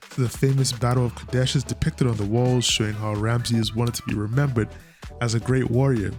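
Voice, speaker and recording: A man's voice: mid-range voice, a little mellow. A man giving casual, chatty commentary over a flight simulator session, stumbling now and then with fillers. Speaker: flight sim YouTuber.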